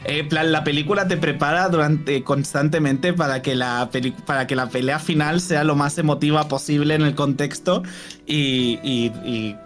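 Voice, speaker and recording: A man's voice: on the high side, normal speed, faint music behind. A man guest in a casual film chat, rambling and slangy with many restarts.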